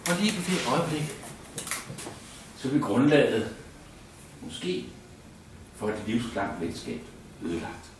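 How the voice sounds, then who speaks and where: Guy telling a kids story live, really animated, super echoey room, mic far off. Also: medium pitch, background noise. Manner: animated, playful, drawn-out phrasing. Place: indoor event space.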